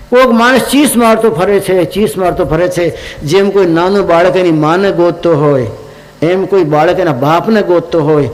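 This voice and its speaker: Male preacher, high pitch, dramatic devotional storytelling, long reverb. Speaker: religious preacher.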